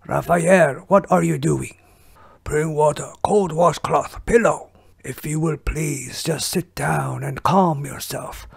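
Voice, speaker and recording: A wise old male rat ninja master, calm and stern, as a man puts him on in a whispered role-play. The voice is a heavily gravelly, breathy whisper, dragged out very slowly. It sounds bone-dry and close, with no room around it. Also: a little high, no echo, full character voice. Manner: slow, measured, fatherly teaching.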